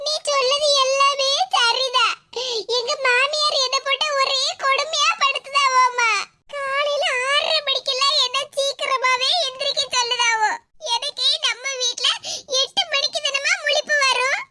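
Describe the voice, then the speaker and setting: A woman's voice: extremely high pitch, steady tone, unhurried. Woman doing a whiny young cartoon daughter. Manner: whining, complaining. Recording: loud background hiss.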